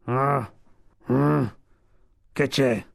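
A man voicing a grumpy, sleepy old male walrus in a storybook reading, grumbling slowly. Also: mid-range voice, vocal fry, no room sound, clean studio sound, full character voice. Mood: groggy.

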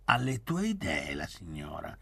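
A man's voice: extremely low pitch, huge pitch swings, unhurried, creaky, fairly bright tone, breathy edge, exaggerated voice. A man doing a sneering young provocateur. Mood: mocking. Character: young man, mocking and restless. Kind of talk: audiobook reading.

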